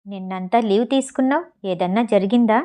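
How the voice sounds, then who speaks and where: A woman's voice: medium pitch, brisk, close to an everyday voice. A woman reading the lines of a teasing, protective young man in a storybook reading. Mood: casual. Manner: teasing, then sharp when annoyed.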